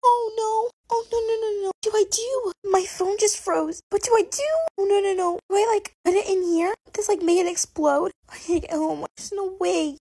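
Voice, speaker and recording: A spoiled, bratty rich teenage girl, acted by a woman in a toy-app roleplay. She talks whiny and defiant in a high voice, rattling her lines off fast. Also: slight background noise, close to an everyday voice. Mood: panicked.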